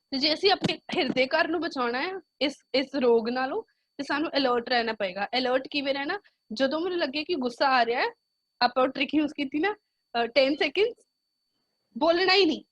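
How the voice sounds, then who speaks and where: A woman's voice: high-pitched, fairly bright tone, no echo. A woman with a Punjabi accent giving an earnest motivational talk to students, often slipping English words into her speech. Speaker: guest speaker.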